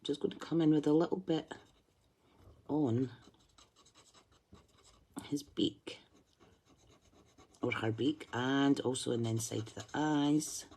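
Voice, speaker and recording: A woman hosting a craft tutorial chats and thinks aloud while she colours live, humming to herself as she focuses. Her very deep, mellow voice is slow and breathy-edged, with frequent pauses.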